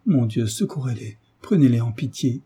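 A man's voice: medium pitch, animated, normal speed, warm tone, slightly rough. A man reading the part of an anxious, devout lady of the house, fervent and pleading. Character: devout, anxious noble mother.

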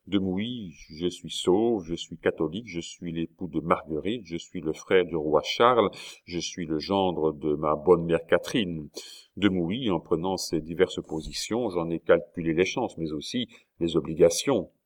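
A man reading the part of a young king who stays guarded and calculating, with a smooth, evasive way of reassuring people. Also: low voice, unhurried. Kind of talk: audiobook character reading.

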